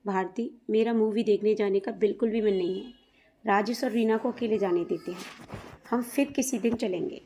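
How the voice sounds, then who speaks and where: A woman storyteller voicing a calm, caring husband who gently scolds his wife out of concern. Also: medium pitch, moderate pace, lightly acted.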